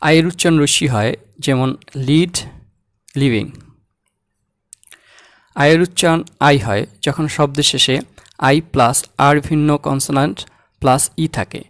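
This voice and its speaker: A man teaching English pronunciation, saying example words slowly and repeating them. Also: mid-range voice, vocal fry, fairly bright tone, no room sound. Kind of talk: slow, deliberate language lesson.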